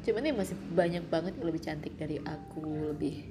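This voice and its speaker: Young woman, lowish voice, introspective vlog monologue, clear music underneath. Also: brisk. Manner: reflective, self-critical, mixing in English phrases. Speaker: vlogger. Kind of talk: personal monologue. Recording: music playing behind.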